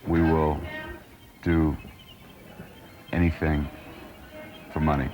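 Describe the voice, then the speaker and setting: A man's voice: a bass voice, little pitch movement, slow pace. A man explaining a film's characters and story in a documentary interview. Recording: music behind the voice.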